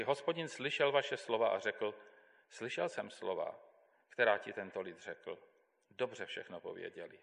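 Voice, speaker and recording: A man giving a measured, deliberate Bible reading as a scripture reader in a church. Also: lowish voice, gravelly, fairly bright tone. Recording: long hall reverb.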